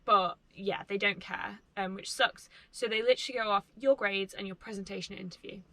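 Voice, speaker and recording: A young woman with a bright, forceful voice that often drops into vocal fry. She chats casually to camera like a student vlogger, informal and happy to poke fun at herself. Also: medium pitch, fairly even intonation, brisk, no room sound. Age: 20s. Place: inside a parked camper van.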